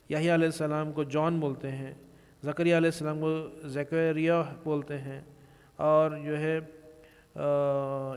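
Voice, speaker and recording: A man giving a religious lecture, explaining in a measured way with pauses and restarts and mixing English words into his speech. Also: on the high side, clean tone. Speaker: religious speaker. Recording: long reverberant echo.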